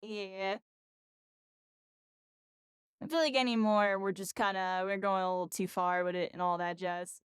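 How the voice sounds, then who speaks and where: A worn-out woman game streamer rambles through casual live-stream chat after a long session, her talk full of "like" and "you know." Her mid-range voice is smooth, a little slow, and fairly even in intonation, with frequent pauses. The recording is clean studio sound with no echo.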